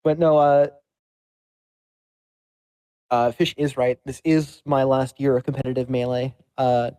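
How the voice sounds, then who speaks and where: A man's voice: mid-range voice, little pitch movement, unhurried, warm tone, clear, resonant tone, dry recording, poor audio. A man in his thirties being interviewed as a game player, chatting casually in a practiced customer service voice. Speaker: competitive game player being interviewed after winning a tournament.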